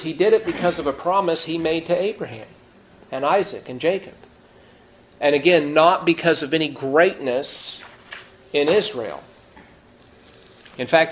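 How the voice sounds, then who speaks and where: A man preaching a sermon, reading scripture slowly and emphatically and asking the congregation rhetorical questions. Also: on the high side, slight background noise. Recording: dull lo-fi sound.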